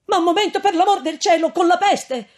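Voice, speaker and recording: A woman voicing a desperate young man who pleads and shouts in frantic, husky cries, in a read-aloud novel. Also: very high-pitched, brisk, pitched above the performer's own voice. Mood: pleading.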